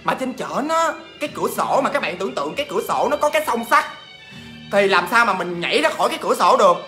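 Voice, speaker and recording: A man telling a ghost story in a chatty, animated way, talking straight to his listeners. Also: high voice, fast talker, faint music behind.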